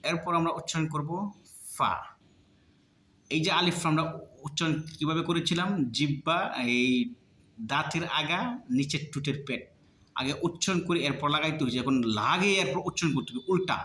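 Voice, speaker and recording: Man, pronunciation teacher, slightly high voice, bright tone, patient drills. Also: normal speed, long pauses, reverberant. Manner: drills each letter by repeating it many times; colloquial, patient explanations. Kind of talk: slow step-by-step lesson.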